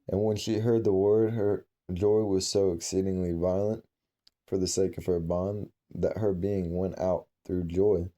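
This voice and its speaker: Man, scripture reading, deep voice, very warm dark timbre, solemn, measured. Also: fairly even intonation. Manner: measured, solemn reading with occasional slips and restarts. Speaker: scripture reader. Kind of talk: reading aloud from an old scripture.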